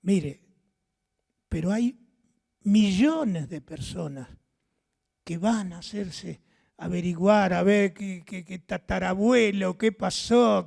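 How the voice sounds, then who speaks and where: An older man from Argentina with an Argentine accent and a hoarse voice, preaching a sermon as pastor, telling stories and acting out the dialogue. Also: high-pitched, long reverb tail. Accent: Argentine Spanish. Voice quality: hoarse, gravelly voice. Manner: storytelling, acts out dialogue, asks the audience questions.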